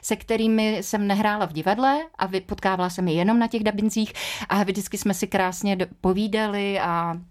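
Chatty middle-aged actress telling stories. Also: female voice, medium pitch. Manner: chatty, lively storytelling with fillers and quoted voices. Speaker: interview guest, actress and dubbing artist. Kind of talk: conversational interview.

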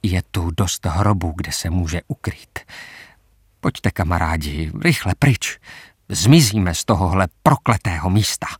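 A man's voice: low voice, slightly rough, no echo, studio quality, pitched below the performer's own voice. A man reading a story, voicing a frightened, superstitious soldier who talks anxiously and insistently. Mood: uneasy.

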